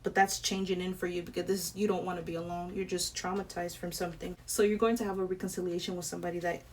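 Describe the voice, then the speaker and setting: Young woman, casual tarot reading, chatty and loose, steady air-conditioner hum underneath. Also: on the low side, fast, recorded from a distance. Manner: chatty, swears casually, laughs often. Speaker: tarot reader. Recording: air conditioner noise behind.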